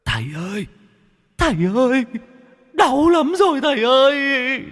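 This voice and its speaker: A man voicing a tormented young male ghost in a ghost story, shrieking and pleading in a shrill cry. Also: big pitch swings, measured pace, fairly bright tone, in a large hall, full character voice. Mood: wailing.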